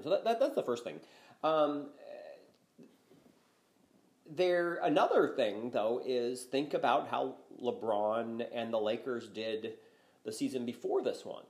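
An older man co-hosting a podcast, chatting casually about basketball with lots of "you know" and restarts. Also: medium pitch. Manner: rambling, many fillers and restarts. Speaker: podcast co-host. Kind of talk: casual sports talk. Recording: roomy echo.

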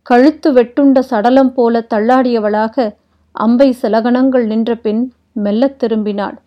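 A woman reads a literary epic aloud, slow and deliberate, lingering on each phrase. Her voice sits fairly high. The recording is dull and lo-fi. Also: steady tone. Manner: slow, deliberate, dramatic reading. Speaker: narrator. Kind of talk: literary audiobook narration.

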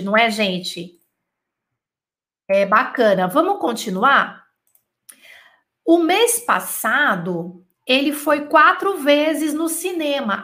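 High-voiced woman teaching French live. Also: a bit bright. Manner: encouraging, chatty, reads viewer comments aloud. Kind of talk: live online lesson.

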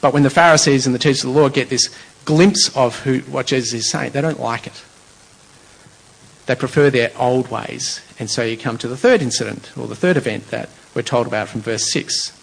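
A man's voice: mid-range voice, normal speed, creaky, breathy edge, low-quality recording. A man preaching a conversational, explanatory sermon, working through a passage verse by verse.

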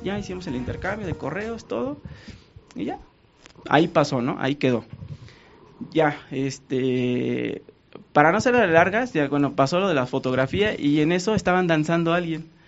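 A man's voice: a little high, normal speed, vocal fry, highs cut off, soft background music. A man with a Mexican accent, a painter guest telling a story in casual talk and acting out what people said. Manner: animated, acts out quoted dialogue.

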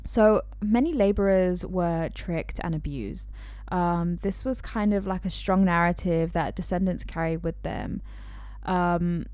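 A woman's voice: lowish voice, dark tone, dry recording. A woman interviewing a guest, asking curious, open questions. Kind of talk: conversational interview.

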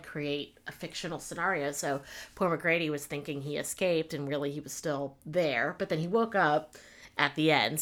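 A woman co-hosts a podcast in easy conversation. Her voice sits very low for a woman, and she talks in a friendly way with quick laughs. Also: fairly bright tone. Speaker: podcast co-host and writer. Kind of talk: casual chat about a fiction podcast.

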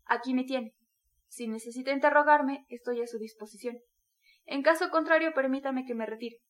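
A woman's voice: high voice, moderate pace, natural voice. A woman reading the curt, angry lines of a proud young man who refuses to be questioned. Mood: irritated. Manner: curt, sharp, rising anger.

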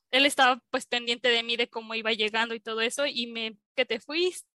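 A young woman with a Mexican accent, a scientist appearing as an interview guest, tells a story casually, packing in fillers and acting out the lines she quotes. Her voice is a little high, bright and forceful, recorded dry.

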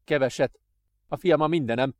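Guy doing a desperate dad, loud and pleading, a bit high, dry sound. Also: no echo, natural voice. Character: desperate father, man, defiant, near tears.

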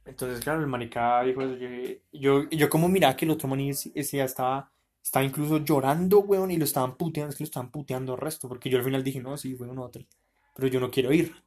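Fast-talking young Colombian man. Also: medium pitch. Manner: animated, slangy, tumbling narration. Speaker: podcast co-host. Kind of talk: casual chat, storytelling.

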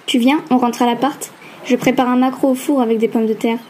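A woman's voice: fairly high pitch, fairly even intonation, brisk, a little mellow, a little hiss or hum, natural voice. A woman voicing a bold, teasing young woman friend in an audiobook, with a cheeky, pushy manner. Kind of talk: audiobook character voice.

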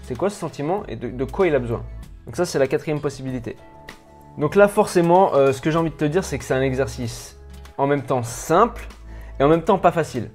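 A man's voice: a little high, animated, a little fast, a little mellow, soft background music. A man with a French accent gives an improvised video lesson, talking straight to the viewer informally, stammering and restarting often. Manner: stammering, many restarts and repetitions, rambling. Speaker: personal development coach.

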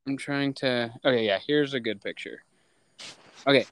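A young man co-hosting a casual podcast, rambling excitedly with lots of fillers. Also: mid-range voice, normal speed, low-quality recording. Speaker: podcast co-host.

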